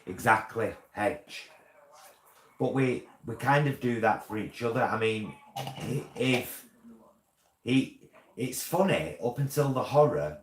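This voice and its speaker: A man's voice: on the low side, lively intonation, slow, long pauses. A British man chatting casually as host of a live stream, in the campy, theatrical, endearing manner of a drag queen. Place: indoor room, live make-up stream. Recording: roomy echo, clear background noise.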